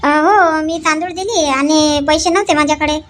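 A woman's voice: sits high, fairly even intonation, moderate pace, a bit bright, slight background noise. A woman, playing a complaining wife in a rustic comedy sketch. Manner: nagging, complaining.

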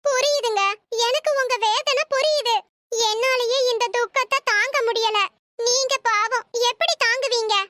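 A woman voicing a shrill, whiny young wife in a cartoon. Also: steady tone, measured pace, sharp tone, dry recording, studio quality, heavily acted. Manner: whiny, dramatic wailing. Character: sly young wife, daughter-in-law. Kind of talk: comic cartoon dub.

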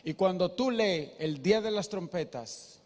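A man's voice: sits high, expressive, measured pace, darkish tone. A male pastor, preaching emphatically and asking the congregation questions. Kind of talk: sermon. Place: church. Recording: echoey church hall.

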